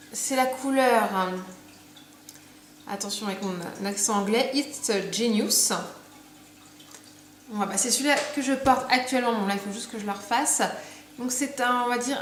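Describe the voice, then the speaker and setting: A young woman chatting casually about her purchases, full of fillers and restarts, recorded at home. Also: on the high side. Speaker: beauty vlogger. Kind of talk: casual haul video chat. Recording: echoey room, faint background noise.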